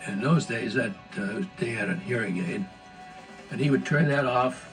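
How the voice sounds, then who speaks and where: A man's voice: medium pitch, normal speed. An older man, a former animator, telling stories of his studio days in an interview. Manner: anecdotal, storytelling. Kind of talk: reminiscing interview. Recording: distant mic with music underneath.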